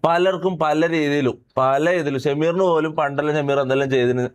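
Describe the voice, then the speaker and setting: Streamer man, quick and pressing, repeatedly asking if you get it. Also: on the high side, clear, resonant tone. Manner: emphatic, aggrieved, keeps asking if listeners understand. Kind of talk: livestream chat.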